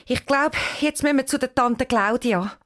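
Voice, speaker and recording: A woman with a Swiss German accent voicing an excited, anxious schoolgirl in a storybook, talking high and breathless. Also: moderate pace. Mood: determined. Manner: breathless, high, urgent shouts. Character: excited anxious schoolgirl Cheyenne, about ten.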